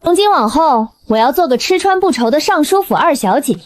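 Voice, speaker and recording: A woman voicing a bold young swordswoman in an animated drama, brash and flippant. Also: high voice, fairly quick. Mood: cocky. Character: cheeky young woman bounty hunter, bold and blunt.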